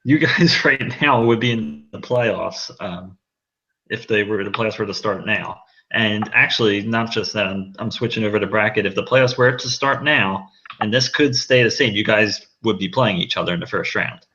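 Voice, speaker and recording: A man's voice: lowish voice, moderate pace, pushed and bright, lo-fi sound. A man hosting a casual fantasy football show, teasing his guests with stammered restarts. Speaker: show host.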